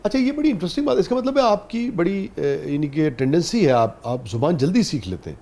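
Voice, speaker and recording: A man's voice: high voice, sing-song, warm tone. A man with a Pakistani Urdu accent hosting a talk show, affirming his guest often and asking questions with admiration. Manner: attentive, frequent affirming murmurs, admiring.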